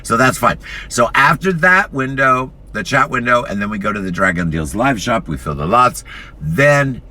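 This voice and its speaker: A man's voice: medium pitch, animated, normal speed, bright, forceful tone. A man in his fifties hosting a live stream, chatting casually and at length from inside a car. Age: 50s. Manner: rambling, chatty, frequent laughs. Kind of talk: casual vlog chat while driving. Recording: noisy car interior.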